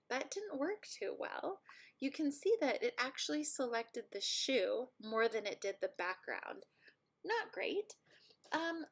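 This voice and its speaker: A woman teaching a software tutorial over a screen recording, talking in a casual, self-deprecating and encouraging way. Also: a little high.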